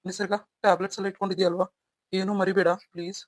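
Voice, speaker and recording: A woman voicing a young husband who is protective toward his wife and quick to anger at a rival, in a melodramatic audio story. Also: medium pitch, level tone, dry recording, natural voice. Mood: tender.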